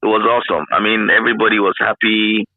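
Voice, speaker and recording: Over a narrow line that sounds like a phone, a middle-aged former radio broadcaster with a Ghanaian accent looks back on his past in a relaxed interview. He talks fast in a lowish voice with little pitch movement, with no echo, and often repeats words to stress them.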